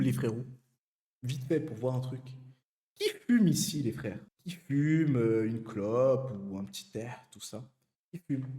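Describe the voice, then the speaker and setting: Lively young man chatting on stream. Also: a little high. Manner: joking, teasing chat viewers, slangy. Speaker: Twitch streamer reading chat. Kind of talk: casual live-stream chat.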